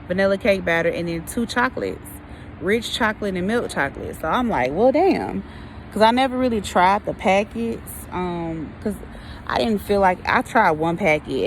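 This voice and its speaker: A woman's voice: on the low side, a little hiss or hum, low-quality recording. An American woman chatting casually to her viewers in an informal, folksy, rambling way, often drawing out hesitant phrases. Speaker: vlogger.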